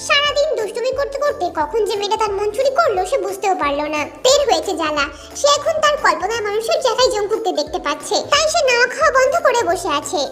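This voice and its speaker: Very high-voiced woman storyteller. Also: sing-song, quick pace, hardly any pauses. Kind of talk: dramatic fan-fiction narration. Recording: loud background music bed.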